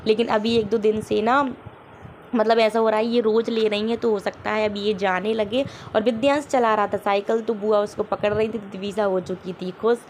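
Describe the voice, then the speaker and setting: A woman's voice: on the high side, slight background noise. A young woman and mother narrating her family vlog in a homely, chatty voice-over, full of small fillers and restarts.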